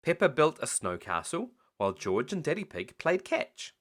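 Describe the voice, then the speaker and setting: Reading a picture book as a bedtime story, a man takes it slowly and expressively, letting his pitch rise and fall in lively swings.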